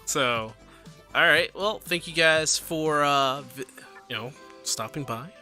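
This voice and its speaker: A man's voice: a little high, takes it slowly, bright, forceful tone, faint music behind. A man hosting a casual gaming podcast, joking around and laughing often. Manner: jokey, laughs often between lines. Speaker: podcast host.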